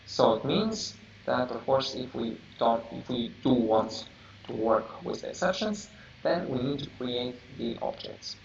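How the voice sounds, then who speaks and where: A man teaching a programming class, halting and searching for words as he explains, heard from a distance. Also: medium pitch, expressive, gravelly. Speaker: programming instructor. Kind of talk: live coding lecture. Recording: roomy, distant, dull lo-fi mic with faint hiss.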